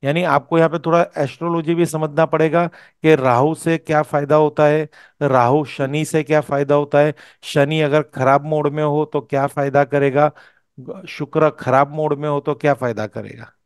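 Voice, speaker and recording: A man's voice: fairly high pitch, level tone, normal speed, smooth, no echo. Man, teacher, explaining patiently, resonant voice, dry room. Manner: explanatory, checks understanding with "okay?". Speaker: vastu teacher. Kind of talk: explaining while teaching a course.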